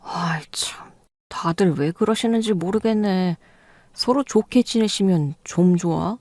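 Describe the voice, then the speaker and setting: A woman's voice: lowish voice, a little slow, a little mellow, no room sound, clean studio sound. A woman narrator voicing a clueless, defensive husband who pleads that he meant well, in a storytelling radio reading.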